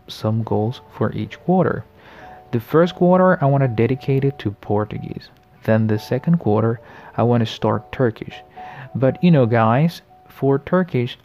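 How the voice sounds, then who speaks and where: A friendly male podcast host from the Americas, in his late twenties, delivers a casual solo monologue in a mid-range voice. He sounds reflective, often pausing with fillers and restarting sentences, and the sound is lo-fi.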